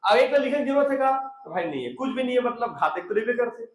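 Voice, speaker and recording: Man, chemistry teacher, very high voice, echoey classroom, coaxing and repetitive. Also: expressive, fast talker. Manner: coaxing, repeats answers and prompts students. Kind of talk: classroom lecture.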